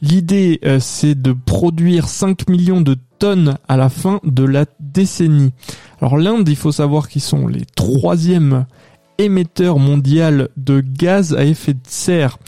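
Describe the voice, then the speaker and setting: A man's voice: fairly high pitch, slow, mellow, no room sound, studio quality, faint music behind. A man hosting an economic news podcast, reading a press review in a conversational way with frequent hesitations. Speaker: podcast host.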